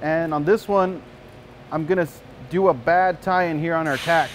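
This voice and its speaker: A man in his thirties giving a relaxed, folksy welding demonstration in a shop, talking the viewer through each step. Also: a little high, normal speed, a little hiss or hum. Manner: relaxed, folksy, frequent "you know". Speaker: welding instructor. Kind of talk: casual demonstration tutorial. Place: large welding shop indoors.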